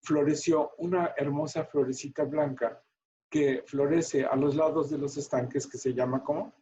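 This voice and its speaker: A man teaching a medical class, chatty and animated, quizzing his students as he goes. His voice sits a little high, and the audio is muffled and lo-fi. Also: normal speed, a little hiss or hum. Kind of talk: online class storytelling.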